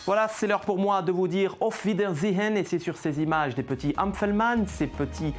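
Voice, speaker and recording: A male presenter on a TV magazine show delivers his lines with lively, polished energy. His voice sits fairly high. Soft music plays faintly underneath. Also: normal speed. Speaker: TV news magazine host. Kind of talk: scripted presenting and live interview.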